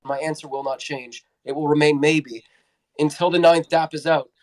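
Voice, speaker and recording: An upbeat man co-hosts a casual live audio chat, encouraging and teasing the others. His voice sits a little high. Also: fairly even intonation, normal speed, darkish tone. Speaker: co-host for the company.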